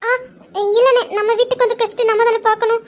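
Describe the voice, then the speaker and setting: A woman voicing a meek, timid young sister who answers softly and hesitantly in a home-made audio drama. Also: very high voice, level tone, fast. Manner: soft, hesitant, obliging.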